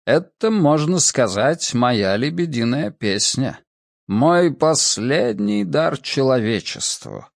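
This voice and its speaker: A man voicing an old, hunched rich benefactor who speaks slowly and grandly. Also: medium pitch, lively intonation, vocal fry, no room sound, clean studio sound. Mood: grand, modest. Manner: slow, drawn-out grand speech.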